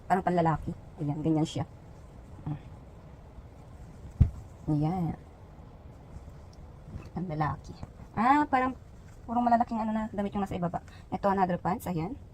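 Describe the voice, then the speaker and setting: A woman's voice: lowish voice, normal speed, pauses often, a little mellow, slight background noise, rough recording. A woman from the Philippines, a vlogger chatting casually as she shows off items one by one, with lots of fillers. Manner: chatty, points out each item with frequent fillers. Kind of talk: casual show-and-tell vlog.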